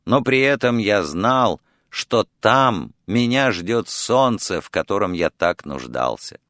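Man, audiobook narrator, dramatic storytelling, animated pitch, slow measured reading, dry close studio sound. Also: dry recording.

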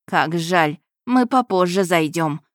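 A woman's voice: fairly low pitch, lively intonation, slow pace, no room sound, clean studio sound. A woman voicing a cold, calculating older noble mother in a storybook reading.

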